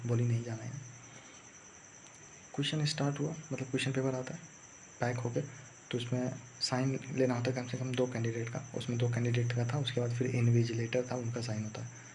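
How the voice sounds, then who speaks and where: A young adult vlogger casually recounts his own exam day in a rambling, repetitive way. His mid-range, darkish voice has a level tone and moves a little fast, on muffled lo-fi audio with faint background noise.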